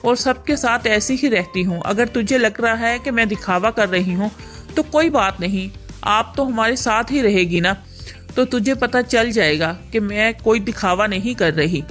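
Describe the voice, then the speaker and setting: A kindly, talkative middle-aged mother-in-law from a cartoon story, voiced by a woman, fussing over her family with warm scolding. Her voice sits a little high, with faint music playing underneath. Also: normal speed, lightly acted. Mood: puzzled. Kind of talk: animated story dubbing.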